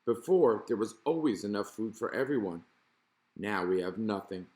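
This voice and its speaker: A man's voice: on the low side, lively intonation, normal speed, darkish tone, reverberant, close to an everyday voice. A man voicing a sensible, earnest male fish who makes peace, in a children's storybook. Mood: earnest, resolute.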